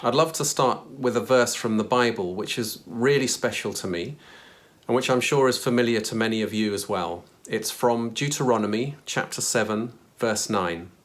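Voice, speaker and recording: A man's voice: medium pitch, normal speed. A man from Kenya giving an earnest, reflective personal faith testimony to his church.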